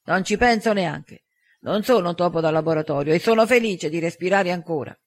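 A man's voice: high-pitched, fairly quick. A man voicing an indignant, snappish young man in an audiobook. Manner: protesting, snappish. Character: indignant young man, the only human among wolves. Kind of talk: audiobook dialogue.

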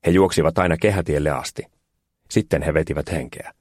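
A man narrating a children's storybook aloud in a plain, unhurried way. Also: a bass voice, a little mellow, no room sound, clean studio sound.

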